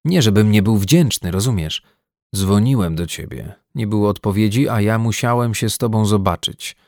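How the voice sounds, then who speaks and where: Give me a man doing a breathless, shaken young student in an audiobook, deep and gravelly. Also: moderate pace, no echo, studio quality, lightly acted. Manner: urgent shouting, then breathless and shaken.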